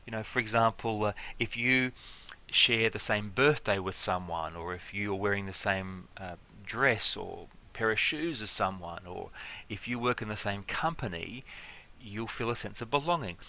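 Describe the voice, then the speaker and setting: A man giving a relaxed, conversational lecture, filling pauses with fillers and stacking everyday examples. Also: lowish voice. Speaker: teacher. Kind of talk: explanatory lecture.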